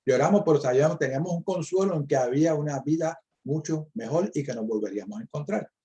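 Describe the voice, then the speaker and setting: Give me a middle-aged man with a dark, relaxed voice leading a Bible talk and quoting verses. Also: fairly high pitch, fast. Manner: preacherly, quotes scripture and stresses key words. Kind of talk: Bible discussion.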